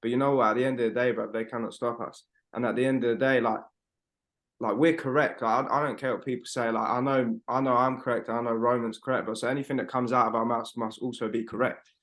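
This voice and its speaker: This podcast co-host, a man in his twenties, chats casually over a video call from home, rambling, pressing his points hard, swearing often, and saying "bro" constantly. His voice is medium-pitched, a bit bright, and fast, with little pitch movement.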